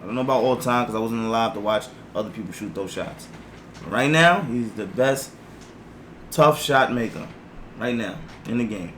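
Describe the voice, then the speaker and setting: A man's voice: lowish voice, moderate pace, fairly bright tone. A man co-hosting a podcast in a casual debate, speaking in a laid-back, dismissive way and often tagging "man" onto his lines. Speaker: podcast co-host and basketball trainer. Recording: noisy podcast recording.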